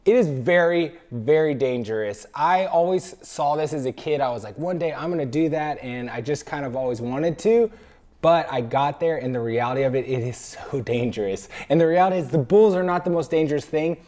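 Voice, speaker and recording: A young man vlogging to camera, telling a story with excitement and acting out the screams and quotes of others. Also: medium pitch, a little fast. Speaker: travel vlogger.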